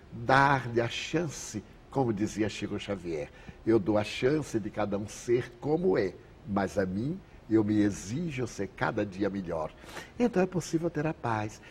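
A man's voice: on the low side, a little hiss or hum. A Brazilian man giving an inspirational spiritist lecture, telling anecdotes and acting out the dialogue. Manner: expressive, acts out dialogue in anecdotes. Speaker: spiritist speaker.

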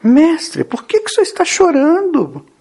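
A man's voice: huge pitch swings, moderate pace, a little mellow, full character voice. A man with a Brazilian accent voicing an earnest adult male disciple who keeps imploring his master. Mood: pleading. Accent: Brazilian Portuguese. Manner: imploring, higher and more urgent than his narration.

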